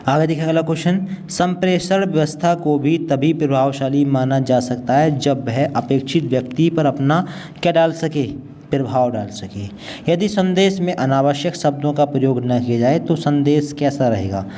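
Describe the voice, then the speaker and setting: A man working through multiple-choice exam questions and their answers in a steady, matter-of-fact way. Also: a little high, normal speed, slight background noise. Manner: steady, matter-of-fact, repeats the right option. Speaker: teacher.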